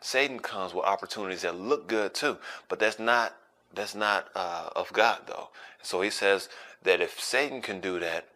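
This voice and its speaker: A man preaching a sermon as pastor, emphatic and repeating phrases for stress, sometimes dropping to a hush. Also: low voice, normal speed.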